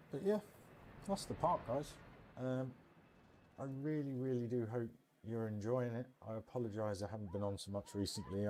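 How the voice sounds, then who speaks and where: Playing a theme park building game on a laid-back live stream, a British host chats warmly with his viewers, addressing them as "mate" and "bud." He has a lowish, warm voice, and a little hiss or hum is audible.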